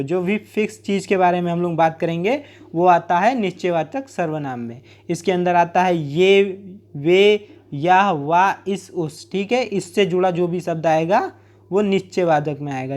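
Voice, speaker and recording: A man's voice: high-pitched, darkish tone. A man teaching a grammar lesson, explaining plainly with everyday examples and repeating key points.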